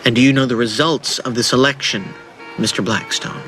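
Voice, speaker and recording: A man's voice: mid-range voice, steady tone, fairly quick, fairly bright tone, lightly acted, low-quality recording. An actor playing a dry, probing man who questions someone in a pointed, impatient way in a television drama. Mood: questioning. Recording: music clearly behind the voice.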